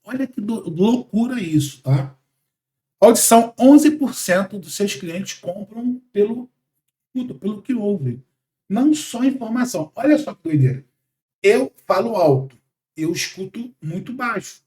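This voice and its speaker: A man in his forties from Brazil, a sales trainer talking in a podcast conversation, animated and emphatic, lecturing. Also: high-pitched, a little slow, roomy sound. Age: 40s.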